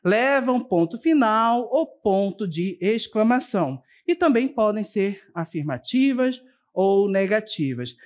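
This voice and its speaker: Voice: mid-range voice, expressive, takes it slowly. A teacher giving a televised school lesson, explaining step by step and often checking in with the class. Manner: addresses students directly and warmly as a group. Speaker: Portuguese teacher.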